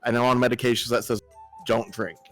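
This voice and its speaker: A man's voice: mid-range voice, level tone, quick pace, faint music behind. A male streamer chatting casually, telling an anecdote and quoting others as he explains. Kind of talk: casual livestream chat.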